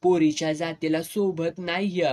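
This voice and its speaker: Brash village girl, put on by a male narrator, teasing, quick-tempered, slightly high voice. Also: level tone, darkish tone.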